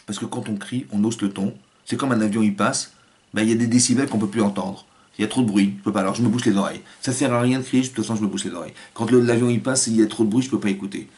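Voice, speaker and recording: A man, a rabbi, giving a Torah lecture in an animated way, acting out family voices and restarting his phrases often. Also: on the low side, very fast.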